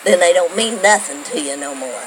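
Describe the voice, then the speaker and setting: A woman's voice: fairly low pitch, animated, normal speed, noisy background. An older woman telling homespun stories to a young audience, rambling and asking her listeners questions. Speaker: storyteller. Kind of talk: folksy storytelling to a young audience.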